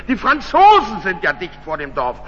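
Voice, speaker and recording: A man voicing an excitable, flustered village innkeeper who exclaims and curses in alarm. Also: sits high, normal speed, full character voice. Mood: frantic. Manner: frantic, exclaiming and cursing. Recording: dull echoey recording with faint hum.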